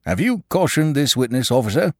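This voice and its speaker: A man voicing a peevish, precise middle-aged coroner who speaks briskly and irritably. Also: lowish voice, big pitch swings, dry recording, studio quality. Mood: stern.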